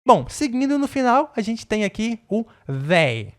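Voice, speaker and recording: A man's voice: very high voice, normal speed. A man from Brazil with a Brazilian Portuguese accent, teaching an English lesson online in a casual, chatty way, often checking in with his viewers and spelling words out. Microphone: desk microphone.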